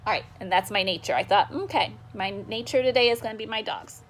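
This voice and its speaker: A young woman teaching a remote lesson to children, upbeat and encouraging, slowing down to sound out syllables. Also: medium pitch, slight background noise. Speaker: elementary school teacher.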